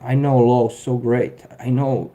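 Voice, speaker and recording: A man's voice: medium pitch, level tone, measured pace, mellow, highs cut off, lightly acted. A man mockingly voicing a smug young woman who brags about knowing the law. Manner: mocking, sarcastic.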